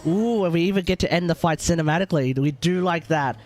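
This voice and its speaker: Over game music, a man livestreams a video game with casual, informal commentary, thinking out loud as he plays. His voice is fairly high and quick.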